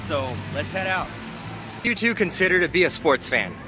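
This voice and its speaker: A high-pitched man runs a street interview on a phone camera, firing off quick, upbeat questions. He stands on an open plaza outside an arena, and loud music plays behind him. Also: expressive, rough recording. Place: outdoor plaza by an arena at night. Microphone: handheld phone camera. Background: loud music playing.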